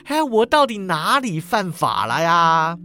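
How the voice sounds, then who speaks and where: Old male skeleton necromancer, as a man voices him, wheedling, self-pitying, high, lively. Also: measured pace, exaggerated voice. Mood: whiny.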